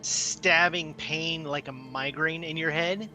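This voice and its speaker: A man runs a tabletop game as its game master, describing scenes in a casual, conversational way. His voice sits a little high and has a bright, forward edge. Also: fairly even intonation, slow pace, faint music behind.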